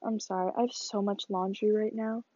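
A woman's voice: mid-range voice, steady tone, brisk, dark tone, no echo, highs cut off. A teenage woman hosting a casual solo podcast, chatty and rambling, sniffling and laughing as she talks. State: sniffly, coughing. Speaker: podcast host. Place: small bedroom.

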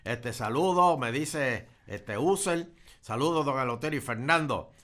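A man's voice: mid-range voice, animated, unhurried, fairly bright tone. A man with a Puerto Rican accent, co-hosting a podcast, reading viewer messages aloud and laughing often. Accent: Puerto Rican Spanish. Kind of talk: casual chat.

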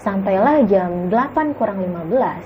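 A woman casually recounting a frightening night hike as a guest, in a hushed, suspenseful way, acting out what people said. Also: mid-range voice, expressive, normal speed, lo-fi sound, noisy background. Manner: hushed, suspenseful retelling with acted quotes. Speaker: guest storyteller. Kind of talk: casual story of a spooky hike.

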